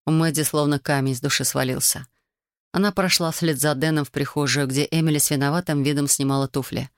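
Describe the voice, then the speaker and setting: A woman reads a novel aloud in a steady, even storytelling voice. Her pitch sits low and the recording is dry and close, with no room sound. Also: fairly quick, no echo. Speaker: audiobook narrator. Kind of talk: scripted narration.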